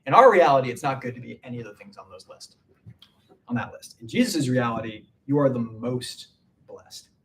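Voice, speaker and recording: A man's voice: medium pitch, lively intonation, fairly quick, distant mic. A man preaching a casual midweek sermon, chatty and full of "like" fillers. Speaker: pastor.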